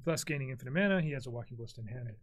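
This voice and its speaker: A man's voice: medium pitch, animated, very fast. A man commentating a live card game stream in a chatty, casual way, explaining plays and laughing easily. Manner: chatty, reads chat aloud, laughs often.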